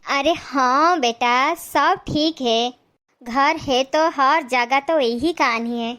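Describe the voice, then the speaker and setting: Gentle, high-voiced woman playing a mother. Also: slow. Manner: soothing, gentle. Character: soothing mother. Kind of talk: comedy skit acting.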